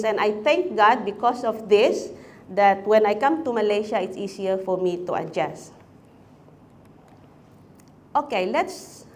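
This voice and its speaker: A woman's voice: mid-range voice, slight background noise. A woman from the Philippines giving a chaplaincy talk, chatty, asking the audience questions. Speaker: chaplaincy speaker.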